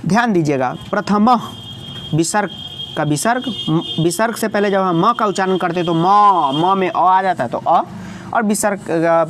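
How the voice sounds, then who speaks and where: A man's voice: high-pitched, a little hiss or hum. A male teacher explaining grammar step by step, often calling out to his students, repeating himself and correcting his own slips.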